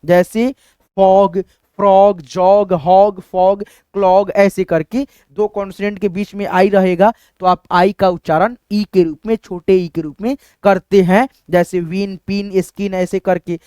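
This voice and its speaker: A man's voice: high-pitched, steady tone, moderate pace, few pauses, a little mellow, clear, resonant tone, no room sound, clean studio sound. A male teacher giving a step-by-step phonics lesson, asking questions and answering them himself and checking in with his students often. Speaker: English teacher.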